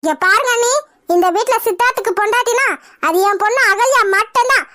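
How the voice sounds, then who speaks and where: A woman voicing a quick-tempered, possessive middle-aged mother in a cartoon, shouting and scolding. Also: extremely high pitch, no echo, clean studio sound. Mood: indignant. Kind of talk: cartoon voice acting.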